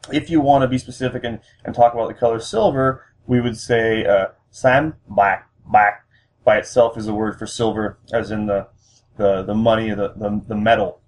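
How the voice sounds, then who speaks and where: A man's voice: fairly low pitch, darkish tone. Patient man teaching a language lesson. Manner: patient, step by step, many fillers and restarts. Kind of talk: recorded spoken lesson.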